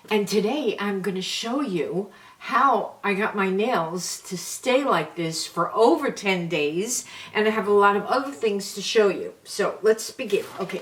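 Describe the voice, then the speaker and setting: An older New woman in her seventies chats unhurriedly to her viewers, showing off products one at a time in a friendly, homey manner. Her voice sits at an ordinary pitch. She is heard from a little way off the mic, with a faint hiss behind her. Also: fairly bright tone, far from the mic. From New York. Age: 70s. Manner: chatty, homey, shows items one by one. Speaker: beauty vlogger. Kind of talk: casual product chat to camera.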